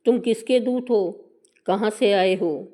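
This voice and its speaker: A woman voicing stern male messengers of death, demanding answers in a slow, measured recitation. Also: medium pitch, warm tone, lightly acted.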